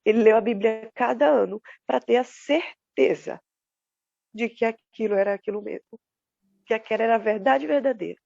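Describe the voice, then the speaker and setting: A grieving woman tells her church testimony in earnest, acting out the conversations and prayers she recalls. Her voice is dark and gravelly with a husky edge. The sound is dry, dull and lo-fi, as over a call. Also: on the high side, normal speed, dry recording. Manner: earnest, retelling dialogue with quoted prayers. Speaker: church member giving a testimony. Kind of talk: emotional personal testimony.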